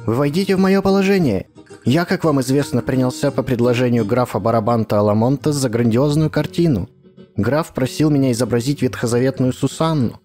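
A man voicing a hot-tempered male painter who shouts and rants in exasperation. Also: mid-range voice, a little fast, faint music behind, natural voice. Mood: indignant ranting.

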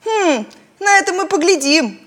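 A woman voicing a bold, resolute adventurer man with a brisk manner. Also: high-pitched, pitched above the performer's own voice.

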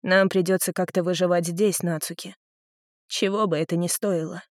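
A woman reading an audiobook, voicing a quiet, gloomy teenage boy who speaks softly and subdued. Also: fairly low pitch, steady tone, moderate pace, no room sound, studio quality, lightly acted. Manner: soft, subdued.

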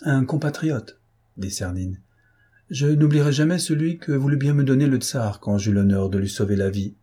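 A man voicing a gentleman thief posing as a Russian prince, mocking and disdainful. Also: mid-range voice, lively intonation, moderate pace, slightly rough, voice pushed up. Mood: ironic. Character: Arsène Lupin, disguised as a mocking Russian prince.

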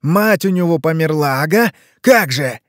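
A man's voice: a little high, animated, measured pace, darkish tone, no echo, clean studio sound, voice pushed up. Man putting on a snarling foul-mouthed forest monster. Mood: furious. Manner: snarling, cursing, threatening.

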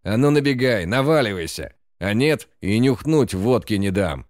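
A man voicing a drunk, brutal man leading a lynch mob, shouting and cursing in a menacing way. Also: on the low side, lively intonation, a little slow, dry recording, clean studio sound. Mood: furious. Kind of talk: audiobook character voice.

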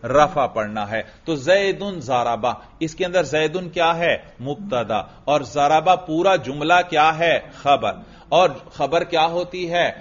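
Man drilling a grammar class, lo-fi. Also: mid-range voice. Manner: drills students with quick questions and praise. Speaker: religious school teacher. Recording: dull lo-fi lecture recording.

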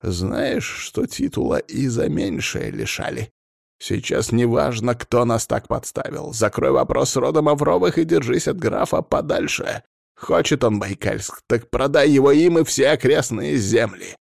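A man's voice: medium pitch, very animated, normal speed, gravelly, no echo, studio quality, voice pushed up, full character voice. A man doing a furious old clan patriarch. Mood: furious scolding. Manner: yelling, scolding, domineering. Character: furious old male clan head shouting down a phone.

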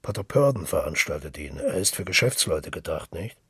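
A man doing a calm know-it-all. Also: deep voice, a little fast, slightly rough, dry recording, studio quality, heavily acted. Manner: calm, knowing, lecturing. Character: self-assured middle-aged man of the world.

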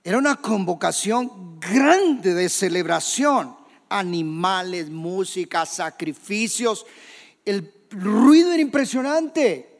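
A man preaching a sermon as pastor in a church, questioning the congregation and shouting quoted scripture. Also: sits high, lively intonation, takes it slowly, long reverb tail. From Colombia. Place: church hall.

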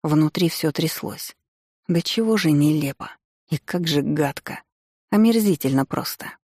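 A woman narrating a first-person audiobook in a steady, measured storytelling way. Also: low voice, breathy edge, no echo, studio quality.

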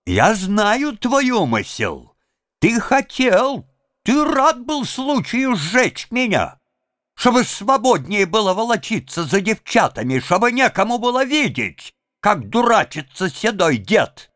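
A man voicing a furious older village woman with drawn-out, shrill scolding in a storybook reading. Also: big pitch swings, fairly bright tone, dry recording, studio quality, full character voice.

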